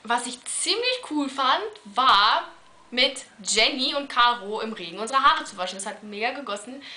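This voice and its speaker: A young woman of nineteen recalls shared-flat life in a relaxed, chatty way. Her voice sits a bit high and sounds bright. The small room around her rings with echo. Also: moderate pace. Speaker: volunteer housemate. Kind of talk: casual interview answers. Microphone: camera in front.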